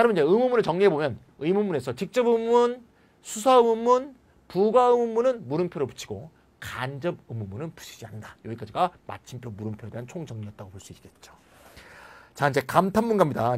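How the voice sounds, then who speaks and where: A tired man lecturing on English grammar, acting out example sentences with lively emphasis. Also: fairly high pitch. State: tired after a late night. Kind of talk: recorded classroom lecture.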